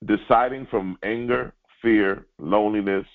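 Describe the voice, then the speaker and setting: A man giving a spiritual teaching, speaking directly to his listeners and repeating key lines slowly for emphasis. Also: on the low side, steady tone. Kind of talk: sermon-like teaching. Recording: tinny phone-like line.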